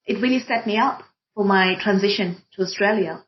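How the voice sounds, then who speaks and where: On a panel, a woman who works in diversity and inclusion shares reflective personal experiences in a group conversation. Her accent is Kenyan and Swahili is her first language; her mid-pitched speech is deliberate, often restated for emphasis, and the recording sounds a bit dull and lo-fi.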